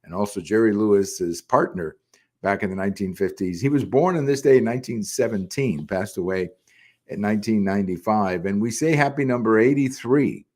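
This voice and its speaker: An older man hosting a solo political commentary show, talking conversationally with frequent pauses and restarts. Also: lowish voice, a little mellow. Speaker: podcast host.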